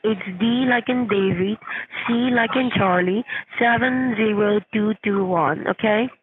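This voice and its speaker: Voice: mid-range voice, a little slow. A person with a formal, repetitive, insistent call-center delivery, speaking as if from a script over the phone. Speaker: phone scammer posing as junior investigator. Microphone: telephone call. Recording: narrow, lo-fi phone line.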